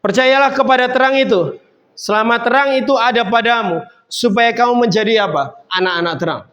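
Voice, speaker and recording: A man's voice: very high-pitched, fairly quick, a bit bright. A man preaching a sermon in a casual, conversational way, building up to emphatic points. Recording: dull lo-fi sound.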